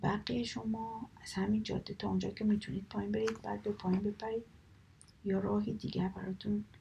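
A woman's voice: medium pitch, little pitch movement, gravelly, mellow, highs cut off, slight background noise, lightly acted. Woman whispering as a commanding eagle leader. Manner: urgent, giving orders. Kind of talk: whispered storytelling.

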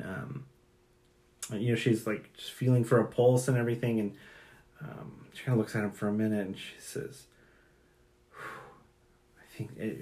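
A young man narrating as game master in a loose, halting way, full of fillers. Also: on the low side, a little mellow. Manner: casual and halting, with many fillers.

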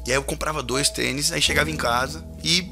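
A man telling stories casually as an interview guest, lively and full of slang, acting out the voices of the people in his stories. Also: fairly high pitch, fast, gravelly, faint music behind. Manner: animated, acts out dialogue with slang. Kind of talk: casual storytelling.

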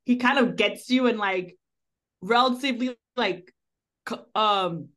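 Her voice is a little high and somewhat bright, and she keeps a measured pace. As a podcast co-host casually chatting about a movie, she rambles, restarts often and leans on "like" and "you know."

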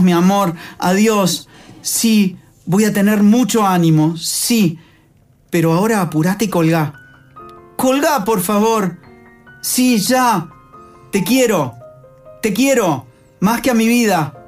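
A woman's voice: medium pitch, a little mellow, lightly acted. A woman with a Rioplatense accent performing a dramatic monologue as a desperate woman pleading with her lover on the phone. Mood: tender. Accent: Rioplatense Spanish. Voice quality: pleading, tender, anxious.

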